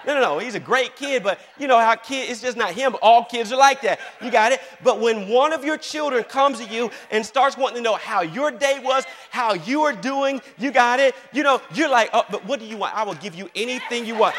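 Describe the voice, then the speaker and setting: A man's voice: very high voice, normal speed, few pauses, a bit bright, big-room sound. A middle-aged male pastor preaching a sermon, folksy and humorous, who keeps asking the congregation "you got it?". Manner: call-and-response, repeating "you got it?"; folksy and humorous, acting out family conversations.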